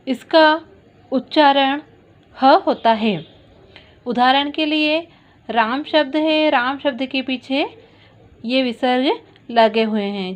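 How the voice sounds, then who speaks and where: Woman teacher, high voice, slow and patient, explaining to kids. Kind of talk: recorded classroom lesson.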